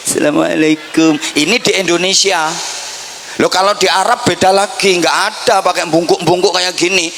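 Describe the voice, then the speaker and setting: A man's voice: a little high, bright, forceful tone, a little hiss or hum. A man with a Javanese accent preaching a humorous sermon and playfully acting out greetings in mock voices. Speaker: Islamic preacher.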